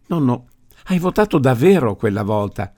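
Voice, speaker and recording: A man's voice: very animated, moderate pace, darkish tone, no echo, studio quality. A man voicing a curious, eager little girl in an audiobook reading, asking insistent questions. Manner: eager, questioning, raised pitch. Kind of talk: audiobook character voice.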